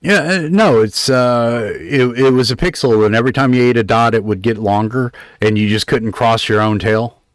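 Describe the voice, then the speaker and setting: A man's voice: mid-range voice, moderate pace, few pauses, dry recording. A man hosting a livestream, chatting casually, rambling and stammering through his stories. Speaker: streamer host.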